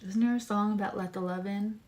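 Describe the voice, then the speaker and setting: A woman's voice: medium pitch, steady tone, darkish tone. A woman giving a casual live tarot reading in a meandering way, her speech slightly impeded by a swollen tongue. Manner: unhurried, meandering, drifting between card readings and asides. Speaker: live-stream tarot reader.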